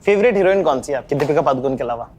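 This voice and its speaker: A man with a fairly high voice who interviews a guest in a relaxed, informal chat. He asks his questions in a friendly way. Between the guest's answers he keeps up a stream of short agreeing replies. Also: very fast.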